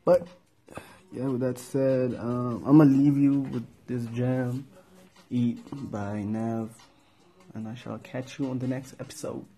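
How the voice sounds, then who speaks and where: A man's voice: medium pitch, flat delivery, slow, dark tone, husky. A young man hosting a casual podcast, talking in a laid-back, slangy, rambling way with lots of fillers. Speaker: podcast host.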